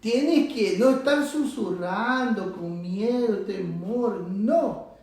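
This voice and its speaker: A man's voice: sits high, slow pace. A man preaching a sermon to a congregation, emphatic and exhorting, his voice climbing as he drives a point home. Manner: emphatic, rising to loud exhortation. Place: church hall. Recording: echoey room, from far off.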